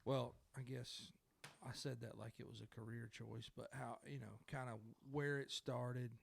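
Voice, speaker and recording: A male podcast host with a gravelly, creaky voice chats casually at a table mic. His speech is halting and self-correcting, with a light joking tone. The sound is dry and close, with no room echo. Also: mid-range voice, level tone. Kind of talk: casual conversation. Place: indoor room by a window.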